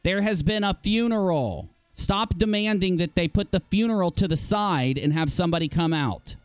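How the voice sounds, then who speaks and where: A man's voice: high-pitched, normal speed, smooth, no room sound. A man hosting a live stream, ranting in exasperated, heated commentary as he reads posts aloud. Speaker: livestream host.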